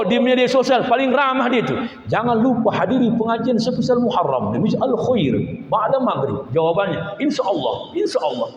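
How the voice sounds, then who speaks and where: A man giving a humorous sermon, animated, acting out dialogues in playful voices. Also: sits high. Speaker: preacher. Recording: echoey hall, slightly muffled.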